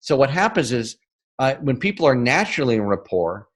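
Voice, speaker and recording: A man from the northern US, speaking with a medium pitch, appears as a guest on an interview podcast to teach sales technique. He's energetic and emphatic, often tossing in "right?" and shifting his pace faster or slower to stress points.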